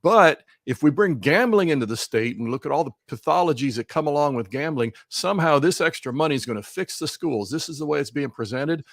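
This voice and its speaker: A man's voice: a little high, animated, fairly quick, hardly any pauses, no room sound, studio quality. A man speaking as a remote guest over a video call, giving heated, emphatic political commentary and often repeating words. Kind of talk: talk show commentary. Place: Missouri.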